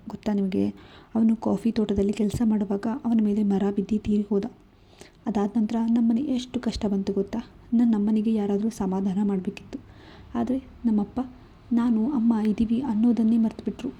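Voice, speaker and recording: Brief: woman voicing young wife, hurt and pleading, low-key delivery. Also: mellow, slightly rough. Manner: pleading, earnest storytelling.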